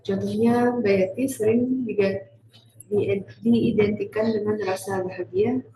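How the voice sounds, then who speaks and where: A teenage girl giving a class presentation, hesitant with many pauses and fillers, recorded in a classroom. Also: mid-range voice, fairly even intonation, background noise. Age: teens. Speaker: student presenter. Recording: echoey classroom.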